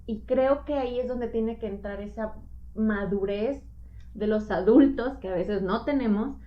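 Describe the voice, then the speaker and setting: A woman, a mother telling her own story in a casual podcast chat, animated and quick to act out what others said. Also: fairly high pitch. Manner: animated storytelling, acts out quoted dialogue. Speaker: podcast co-host sharing divorce experience. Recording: dull lo-fi audio.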